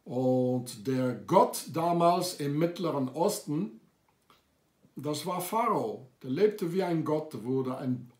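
A man's voice: a little high, expressive, slow pace, darkish tone, roomy sound. A man delivering an accusatory, insistent monologue to camera, with frequent hesitations. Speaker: video maker. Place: lives in France.

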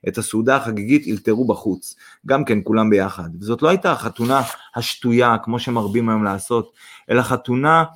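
A man narrating a story aloud in a steady, measured reading voice. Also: medium pitch.

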